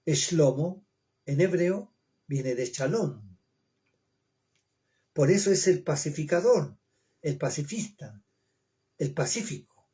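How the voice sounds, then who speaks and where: A man giving a verse-by-verse Bible study, reading Hebrew names slowly and explaining them in Spanish, repeating words and checking in with his listeners. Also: on the high side, lively intonation, mellow. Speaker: Bible teacher.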